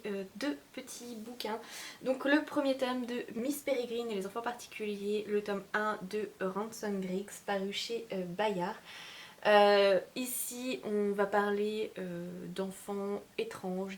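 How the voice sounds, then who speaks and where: A woman's voice: medium pitch, a little hiss or hum. A woman talking casually about her reading list as a book vlogger, hesitating often with filler sounds and poking fun at herself. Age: adult mother of young children. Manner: hesitant, frequent filler sounds, self-mocking.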